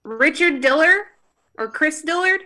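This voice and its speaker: A woman on a video call reading out a roll of names slowly and carefully, with apologetic asides. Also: sits high, expressive, sharp tone. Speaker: meeting roll-call reader.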